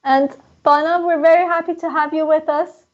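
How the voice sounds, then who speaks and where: A woman's voice: high voice, steady tone, moderate pace. A woman moderating an online panel, introducing guests politely with frequent fillers. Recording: muffled online broadcast audio.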